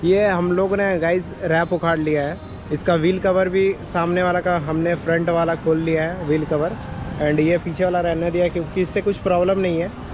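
Riding a motorbike on the road, a young man chats casually for his motovlog, often laughing and slipping in English words. His voice is high-pitched with little pitch movement at a normal speed, and the helmet mic gives lo-fi sound full of wind and traffic.

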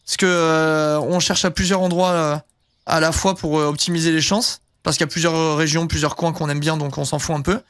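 Young male streamer, high voice, rambling casual chat, dry close sound. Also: level tone, brisk, a bit bright, no echo. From southern France. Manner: rambling, heavy fillers, casual swearing. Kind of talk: casual live-stream chat while gaming.

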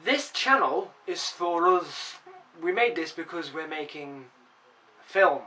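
A man chats and teases in a casual comedy vlog. His voice is high and bright. He sounds a little distant from the camera mic. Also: animated, slow pace. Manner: playful, teasing, giggly. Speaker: vlogger.

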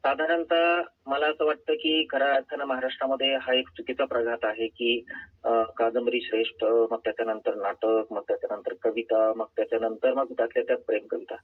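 A man speaks as a caller through a tinny telephone line, his voice husky and a little breathy. His pitch sits in an ordinary middle range, and his answers come out measured and earnest. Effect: heard over a phone line. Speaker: author and poet, guest caller. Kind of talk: phone-in interview answers.

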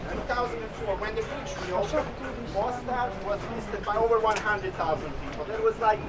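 A man's voice: high voice, fairly quick, over a noisy crowd, rough recording. A man working as a tour guide, explaining sights to his guests while walking through an old town. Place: outdoors in an old town street. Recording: loud street noise outdoors.

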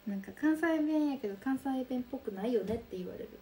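A young woman with a soft Kansai accent chatting casually on a livestream, reading out and answering viewer comments. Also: high voice, expressive, quick pace, a little hiss or hum. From Kansai region of Japan. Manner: soft, bubbly, chatty with frequent laughs. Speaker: livestream host. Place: room lit by daylight.

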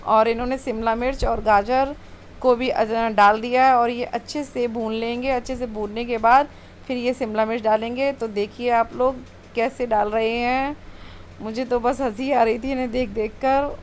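A woman's voice: a little high, steady tone, moderate pace, a little hiss or hum. A woman vlogger chatting casually over home video of her kitchen, homely storytelling with many fillers.

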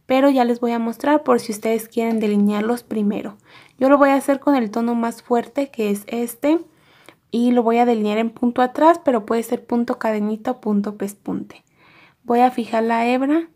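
Calm woman talking through embroidery steps. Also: fairly high pitch. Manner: calm, methodical, repeating each stitch step. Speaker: embroidery teacher. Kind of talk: step-by-step craft tutorial.

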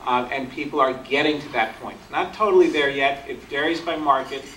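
A man's voice: medium pitch, fairly quick, pushed and bright, a little hiss or hum. Middle-aged man presenting in an echoey hall. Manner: explanatory, plain-spoken with frequent ums. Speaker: bank economist speaker. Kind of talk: business presentation talk. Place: large function hall at a podium. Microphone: podium mic, filmed from the audience. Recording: echoey hall, distant from the camera.

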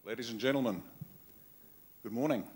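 A man's voice: mid-range voice, moderate pace, darkish tone, slight background noise. An Australian man giving a political keynote speech at a conference, blunt and wry in short punchy phrases. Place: conference hall with live audience.

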